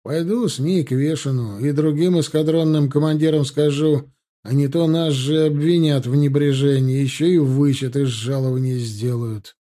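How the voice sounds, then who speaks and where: A man's voice: fairly high pitch, steady tone, normal speed, dark tone, lightly acted. A man voicing a firm, sensible male squadron commander giving orders. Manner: firm, decisive instructions.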